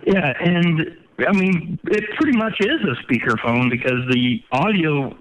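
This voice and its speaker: A man's voice: fairly high pitch, expressive, a little slow, highs cut off. Man on a speakerphone call-in line. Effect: speakerphone sound over a wearable headset. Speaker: caller. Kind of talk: casual call-in chat.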